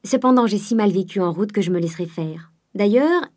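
A woman's voice: medium pitch, animated, fairly quick, a little mellow, lightly acted. A woman reading the part of an affable, coquettish young Parisian dandy, with an airy, polished, lightly teasing manner.

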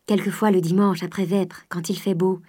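A woman's voice: on the low side, little pitch movement, moderate pace, mellow, slightly rough. A woman reading the part of a pious, timid provincial mother who talks in a prim, easily shocked way.

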